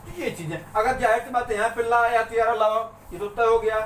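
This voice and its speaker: A man teaching a grammar lesson for an exam, asking questions and answering them himself, and saying consonants slowly one at a time. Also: very high-pitched, little pitch movement, a bit bright. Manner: asks and answers his own questions. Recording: roomy, mic a bit far off, faint room noise.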